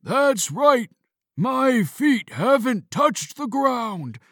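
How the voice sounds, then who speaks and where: A woman reading an audiobook, voicing a lonely very old man who talks extremely loudly and slowly. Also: a little high, dry recording, studio quality, voice pushed up, exaggerated voice.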